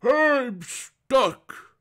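A man voicing a fat, greedy male goblin who shouts and wails shrilly. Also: very high voice, sing-song, extremely slow, pitched above the performer's own voice, heavily acted. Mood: wailing.

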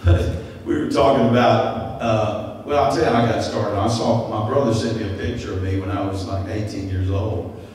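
A man, preaching a sermon at a stand mic in a church, animated, with sudden high-pitched voices for the people he quotes. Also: normal speed, recorded from a distance. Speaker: pastor. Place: church sanctuary. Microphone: stand mic at lectern. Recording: echoey hall, from off-mic.

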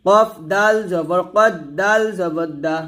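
A man with a rather high voice teaches a step-by-step recitation lesson. He speaks, spelling out each letter slowly and then blending the letters into words for his viewers to repeat. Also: fairly bright tone. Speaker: Quran reading teacher.

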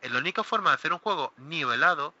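A man hosting a casual hobby talk show, animated and exclaiming, often acting out what other players say. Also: a little high, quick pace, dry recording. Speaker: host of a miniature wargaming talk show. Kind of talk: casual panel chat. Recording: dull lo-fi recording.

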